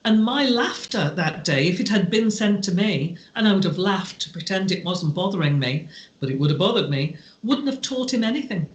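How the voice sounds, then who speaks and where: A woman speaks slowly and deliberately, with a heartfelt, reflective tone and a pitch that sits in a middle range. Her voice rings with a roomy echo, as though recorded in an open, bare room. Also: expressive. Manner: slow, deliberate, heartfelt delivery. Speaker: podcast guest. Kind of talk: reflective storytelling in conversation.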